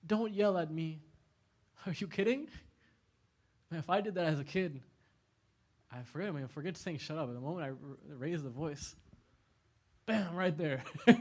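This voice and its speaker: A man lecturing a youth audience at an Islamic center in a casual, animated way. He laughs often and talks in a large indoor hall. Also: fairly high pitch, moderate pace, pauses often.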